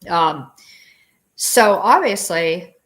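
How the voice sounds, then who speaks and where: A woman's voice: lowish voice, lively intonation, extremely slow, a bit bright. A woman hosting a casual livestream chat, reading viewer comments and talking with lots of fillers and restarts. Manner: chatty, many fillers and restarts.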